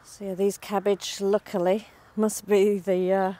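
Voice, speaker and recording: Working her vegetable plot, a middle-aged allotment vlogger talks casually to the phone camera she holds while walking through the allotment and back garden. Her medium-pitched voice is warm but slightly croaky, her delivery flat and measured, and she is chatty and down-to-earth.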